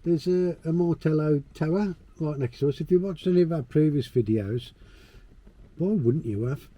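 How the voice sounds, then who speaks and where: A man's voice: on the high side, normal speed, dull audio. A British man vlogging in casual, laid-back conversation with informal phrasing. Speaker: travel vlogger. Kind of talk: casual chat to camera. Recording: location sound with faint noise.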